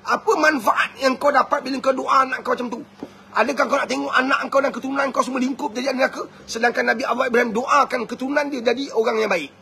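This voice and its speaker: A middle-aged man with a Malaysian Malay accent giving an impassioned religious talk on family, acting out prayers and rising to shouts. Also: very high-pitched, steady tone, fast, vocal fry, a little hiss or hum. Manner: impassioned preaching, acts out prayers, rises to shouts. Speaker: family motivational speaker.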